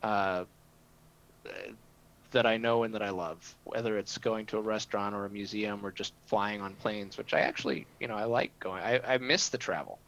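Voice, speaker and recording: Reflective male host, bright forceful tone, muffled lo-fi call sound. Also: lowish voice, steady tone, normal speed. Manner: reflective, searching for words. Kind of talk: casual video call chat.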